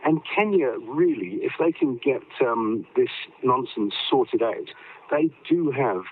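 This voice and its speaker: A man answers sports questions over a video call, and the audio is thin and phone-like. He is a rugby commentator who talks at an average pitch. He stops often to say um and starts his sentences over. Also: lively intonation, measured pace. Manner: hesitant, with many fillers and restarts. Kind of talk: remote news interview.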